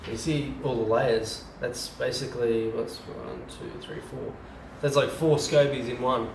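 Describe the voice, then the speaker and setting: A man with a steady, unhurried, gravelly mid-range voice chats casually as a home brewer through a how-to video, rambling with lots of ums and restarts. A distant camera mic records him, so the sound is roomy with a noisy background.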